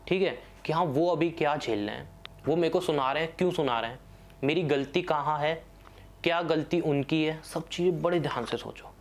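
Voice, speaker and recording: A young man hosting a casual advice talk, speaking conversationally and often checking in with "theek hai". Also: a little high. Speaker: host.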